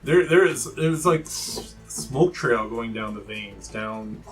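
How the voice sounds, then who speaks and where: A man improvising scene descriptions as game master of a tabletop game, in a halting, descriptive way. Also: medium pitch, expressive. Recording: distant mic with music behind. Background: music.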